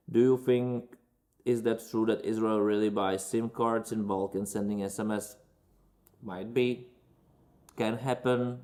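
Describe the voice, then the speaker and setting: A Czech man with a medium-pitched, somewhat dark voice hosts a relaxed Q&A on his channel, answering viewer questions. He gives strong opinions in loose, non-native English, often restarting his sentences.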